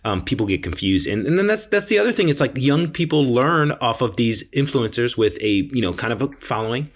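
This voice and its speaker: A middle-aged man, a chef co-hosting a podcast, telling stories in a slangy, animated way and often repeating himself. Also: mid-range voice, brisk. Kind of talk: casual chat.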